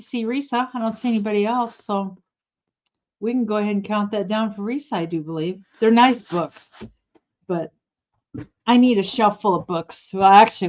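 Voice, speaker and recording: A woman's voice: mid-range voice, normal speed, highs cut off. A woman running a casual live online auction, chatting in a rambling way and correcting herself as she goes. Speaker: livestream auction seller. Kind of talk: casual live-sale chat.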